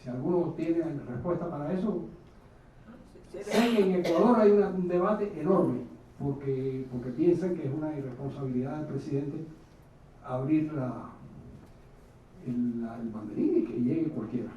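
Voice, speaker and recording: A man answering audience questions at a public talk, thoughtful and halting, often restarting his phrases, heard from a distance in a conference hall. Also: fairly high pitch, mellow, highs cut off. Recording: very echoey hall, distant mic.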